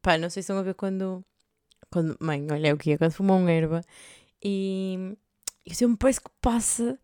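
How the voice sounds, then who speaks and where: A woman's voice: lowish voice, brisk, mellow, clear, resonant tone, dry recording, studio quality. A young adult woman with a European Portuguese accent, telling a rambling story on her podcast, with lots of fillers and casual swearing. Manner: chatty, rambling, heavy filler words and swearing. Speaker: podcast host.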